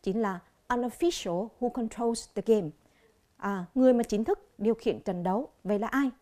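Vietnamese woman, TV English teacher, warm mellow voice, slow clear drilling of each word. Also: on the high side. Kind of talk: televised classroom lesson.

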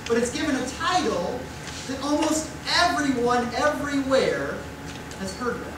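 A man's voice: extremely high pitch, animated, moderate pace. A middle-aged man preaching a conversational sermon at a pulpit, with rhetorical questions and mock voices, recorded on a distant room mic in a church sanctuary. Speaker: pastor. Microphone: far room mic at a pulpit. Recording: echoey church from far off with noise.

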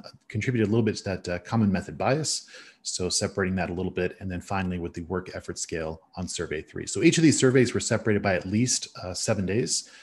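A middle-aged man presenting an academic defense over slides in a halting, hedging way with frequent filled pauses. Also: fairly low pitch, a little mellow, breathy edge. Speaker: PhD candidate presenting dissertation defense. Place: indoors on a video call.

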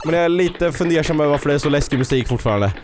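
Excitable man cheering on his game. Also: fairly high pitch, background noise. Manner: drops English phrases into his talk. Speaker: gaming YouTuber. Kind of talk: let's-play commentary. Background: faint game music.

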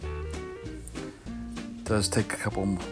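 An older man narrating his own woodworking project in a casual, halting way with many fillers. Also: fairly low pitch, level tone, over music. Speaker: homesteader vlogger. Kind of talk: casual DIY voice-over narration.

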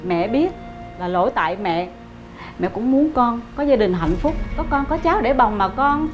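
Woman playing a shrill scolding mother-in-law. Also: animated, moderate pace, highs cut off, lightly acted. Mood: remorseful. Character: angry cheated mother-in-law, middle-aged woman. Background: background music.

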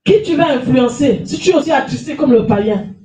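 An animated, high, dark-toned woman's voice, a little fast, comes from a middle-aged pastor from France who has a cold. She preaches emphatically into a handheld mic, repeating phrases and calling for amens, in a small church hall with a stage and lectern. The room echoes and a far camera picks her up from a distance.

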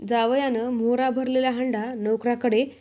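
A woman storyteller reading a devotional folk tale in a measured, deliberate way. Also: a little high, little pitch movement, warm tone.

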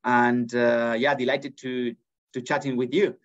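A man's voice: mid-range voice, flat delivery, measured pace. A man in his thirties with a Spanish accent, talking earnestly as an interview guest from an office, with frequent restarts. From Spain. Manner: earnest, many restarts and fillers. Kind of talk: conversational interview. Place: office with large windows. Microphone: laptop webcam on a video call. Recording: dull lo-fi video call audio.

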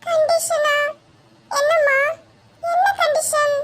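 A woman voicing a timid, whiny young boy in a cartoon, with a Kanyakumari Tamil accent and a squeaky, tearful voice. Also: little pitch movement, slow pace. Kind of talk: cartoon voice acting.

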